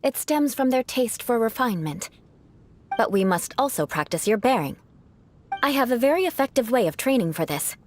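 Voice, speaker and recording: An actress voicing a proud, reserved young noblewoman knight in a video game, speaking in a formal, measured way. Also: a little high, expressive. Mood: composed. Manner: formal, measured aristocratic speech.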